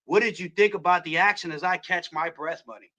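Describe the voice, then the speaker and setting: A man hosting a wrestling show, recapping a match play by play and building to shouts at the near-falls. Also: high-pitched, a little fast.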